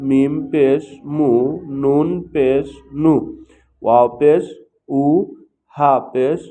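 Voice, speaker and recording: A man with a Bangladeshi Bengali accent teaching Quran reading, drilling each letter and syllable slowly and loudly. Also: a little high, fairly even intonation. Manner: slow, loud, drawn-out drill of each syllable. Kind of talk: recitation lesson, drilling letters.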